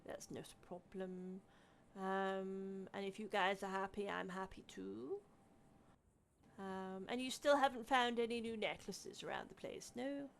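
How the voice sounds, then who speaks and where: A woman's voice: medium pitch, fairly even intonation, a little slow, vocal fry, a little hiss or hum. A woman streamer chatting in character as a town mayor, gushing and casual, swearing now and then. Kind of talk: in-character roleplay chat.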